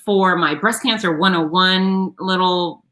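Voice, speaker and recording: A woman's voice: fairly low pitch, unhurried, fairly bright tone, rough recording. A woman being interviewed as an author, telling her story frankly and expressively, often restarting her sentences.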